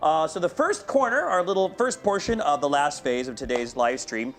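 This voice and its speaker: A man hosting a game livestream, upbeat and energetic. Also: on the high side, normal speed, soft background music. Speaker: livestream host.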